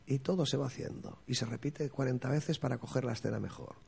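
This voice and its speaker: Gravelly, husky man telling stories. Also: medium pitch, quick pace, darkish tone. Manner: earthy, swears freely, acts out quotes. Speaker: comic actor guest. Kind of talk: casual interview anecdotes.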